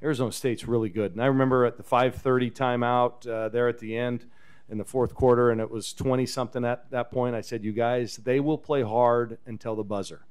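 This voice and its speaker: A head basketball coach in his fifties fields questions at a post-game press conference, relaxed, loose and chatty, chuckling often. His medium-pitched voice is smooth and resonant and fairly quick, picked up by a table microphone on a stand in a press room with a backdrop.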